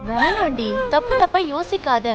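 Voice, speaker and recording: A young woman trying to calm a distraught cousin, mixing gentle scolding with coaxing. Her voice sits high. Background score music plays under her. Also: normal speed, muffled recording. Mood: consoling. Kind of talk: TV serial acting.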